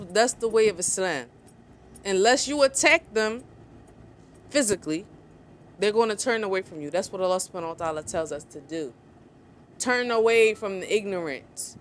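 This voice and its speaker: A woman's voice: mid-range voice, moderate pace, slight background noise. A woman vlogger, giving angry, sarcastic opinion commentary. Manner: heated, sarcastic, mocks others in put-on voices.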